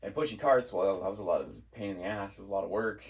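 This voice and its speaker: A man's voice: on the low side, rapid-fire. A young man being interviewed about his jobs, talking casually, rambling and mocking himself with frequent laughs. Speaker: interview guest, assistant manager.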